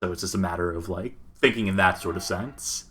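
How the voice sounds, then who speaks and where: A man's voice: deep voice, a little fast, a bit bright. A man co-hosting a podcast, giving casual commentary as he plays a game and explaining its mechanics in detail. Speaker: podcast co-host. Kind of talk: casual commentary over gameplay.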